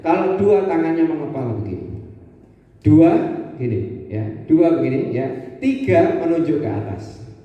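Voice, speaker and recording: A male Islamic teacher leads a lively call-and-response talk for parents in a school hall. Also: a little high, measured pace, dull audio. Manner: energetic, call-and-response, shouts counting cues. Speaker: ustaz giving a talk to parents. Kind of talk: lively interactive religious talk. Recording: echoey hall, voice from a distance.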